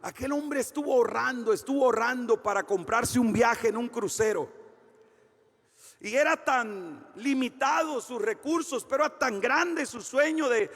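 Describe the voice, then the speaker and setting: High-voiced fervent preacher. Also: male voice, normal speed, slightly rough, in a large hall. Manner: fervent, swings between shouting and hushed storytelling. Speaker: pastor. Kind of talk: preaching a sermon.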